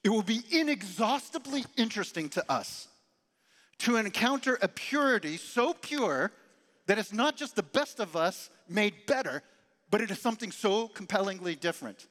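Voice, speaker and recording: A man preaching a sermon as pastor, emphatic and animated, sometimes dropping his voice very low and soft. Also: normal speed, big-room sound. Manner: animated, emphatic preaching with dramatic drops to quiet.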